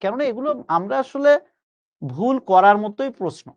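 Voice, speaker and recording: A young man teaching an online grammar class, coaxing his students and repeating key phrases slowly for emphasis. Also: sits high, expressive, lo-fi sound. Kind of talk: live online class lecture.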